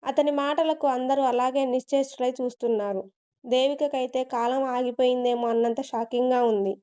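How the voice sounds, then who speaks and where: A woman narrating a dramatic story in an expressive, steady way. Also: sits high, moderate pace, clean tone.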